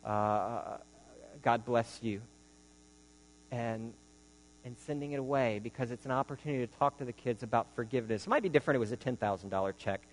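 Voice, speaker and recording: A man's voice: mid-range voice, very fast. Man preaching in an echoing hall. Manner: conversational, many "you know" fillers. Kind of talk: sermon with storytelling. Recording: long hall reverb with mains hum.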